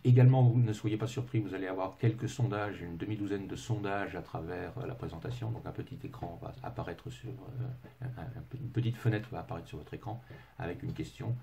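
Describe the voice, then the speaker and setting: A man's voice: low-pitched, fairly quick, creaky, dark tone, slight background noise. A middle-aged man with an English accent, speaking French as a second language, gives a webinar presentation as a consultant. He talks hesitantly, with many filler sounds and restarts, and slips in dry, self-mocking humor. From England.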